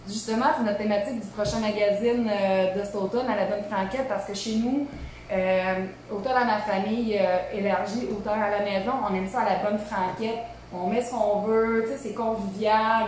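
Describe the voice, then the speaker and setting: A woman's voice: mid-range voice, darkish tone. Chatty Québécois woman in echoey kitchen. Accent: Québécois French. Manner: chatty and informal, lots of fillers and asides. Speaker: cooking show host. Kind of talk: casual live cooking demo. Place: home kitchen. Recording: very echoey room, faint hum.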